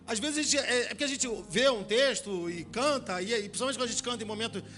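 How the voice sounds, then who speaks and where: A man preaching a sermon as a pastor with a Brazilian Portuguese accent, talking in restarts and rhetorical questions, then slowing and swelling on key phrases. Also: extremely high pitch, sharp tone.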